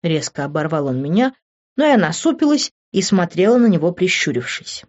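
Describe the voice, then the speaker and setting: A woman reading a first-person audiobook with expressive narration. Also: on the low side, moderate pace, dull audio.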